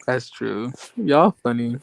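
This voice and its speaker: A man's voice: medium pitch, expressive, takes it slowly, gravelly, no room sound. Hesitant young man in dry audio. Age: 20s. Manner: curious, hesitant, full of restarts. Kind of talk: casual gossip chat.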